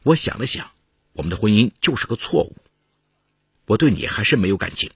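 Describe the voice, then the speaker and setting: A man voicing an evasive young wife who speaks in a soft, falsely gentle way. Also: fairly low pitch, expressive, a little fast, breathy edge, no room sound, clean studio sound.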